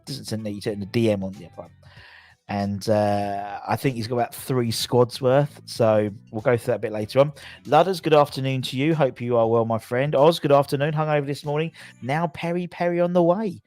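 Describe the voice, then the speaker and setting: A man's voice: medium pitch, steady tone, brisk, darkish tone, dry recording, soft background music. A man with a southern English accent hosting a casual football fan livestream, rambling and jokey, often repeating himself as he chats to viewers.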